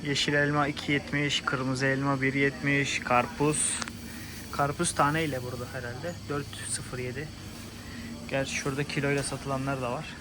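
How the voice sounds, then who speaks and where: A man's voice: mid-range voice, flat delivery, moderate pace, noisy background. A man hosting a travel vlog, narrating and chatting casually to the camera and his companion. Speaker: vlog host. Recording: loud music behind the voice. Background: music.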